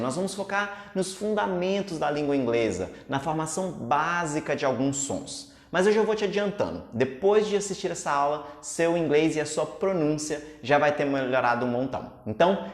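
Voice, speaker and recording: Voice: mid-range voice, roomy sound. A teacher with a Brazilian Portuguese accent, giving an online pronunciation lesson in an upbeat, chatty way. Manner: upbeat, chatty explaining to viewers.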